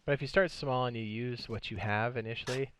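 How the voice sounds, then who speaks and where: A man streams a video game, chatting in a relaxed way and thinking aloud as he plays. His voice is medium-pitched and brisk, with slight background noise, in casual live gameplay commentary.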